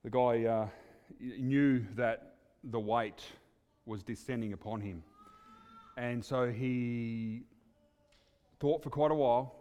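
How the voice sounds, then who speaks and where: A man's voice: medium pitch, fairly even intonation, slow pace, long pauses, mellow, clean tone. A man preaching at a church service, chatty and hesitant with many fillers, his voice ringing with a long church reverb like a cathedral. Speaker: guest preacher. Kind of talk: sermon with storytelling.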